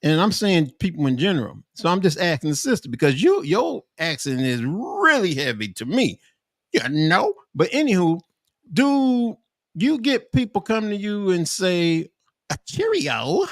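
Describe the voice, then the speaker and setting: A man's voice: sits high, big pitch swings, moderate pace, dry recording, studio quality. A man co-hosting a casual chat, playful and slangy, teasing his guests. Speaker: podcast co-host.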